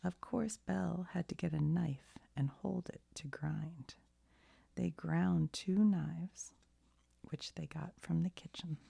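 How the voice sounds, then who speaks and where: A woman softly reading a bedtime story in ASMR style, with a deep, hushed, breathy half-whisper and a gentle storybook manner. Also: slow, dry recording.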